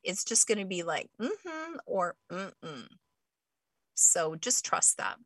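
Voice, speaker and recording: Bright, animated woman talk show host. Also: lowish voice, normal speed, no room sound, low-quality recording. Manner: chatty, animated, acts out quoted reactions. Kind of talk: live talk show explanation.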